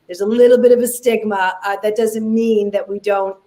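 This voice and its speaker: A woman's voice: mid-range voice, fairly even intonation, normal speed, dark tone. A woman guest in a casual interview, earnestly explaining her children's book.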